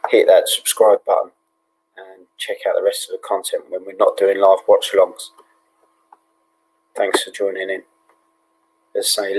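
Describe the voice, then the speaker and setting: A British man hosting a live fight watch-along in a hushed, half-whispered voice, relaxed and full of ums and yeahs. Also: lowish voice, slightly rough, rough recording. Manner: relaxed, with many fillers like um and yeah. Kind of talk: low-key live fight commentary.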